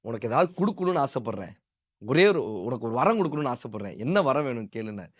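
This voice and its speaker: A man voicing the god Krishna, male and divine, speaking low with remorse and earnest kindness. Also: big pitch swings, quick pace, breathy edge, dry recording, clean studio sound. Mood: remorseful.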